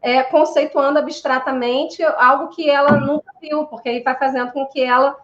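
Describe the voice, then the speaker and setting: A woman in casual conversation who explains her ideas thoughtfully and often pauses to hesitate. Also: high voice, fairly even intonation. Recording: echoey muffled room sound.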